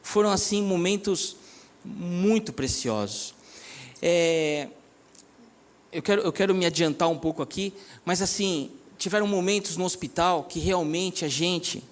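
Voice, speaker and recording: A man's voice: sits high, measured pace. A man, a pastor sharing a personal testimony in an earnest, conversational way, often addressing listeners as "my brother".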